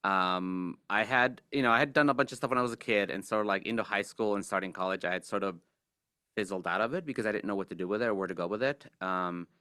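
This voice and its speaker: Low, bright-toned man with many fillers. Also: quick pace, clear, resonant tone, no room sound, studio quality. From Mexico. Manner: relaxed, hesitant, many fillers and restarts. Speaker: guest puppeteer. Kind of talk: casual interview.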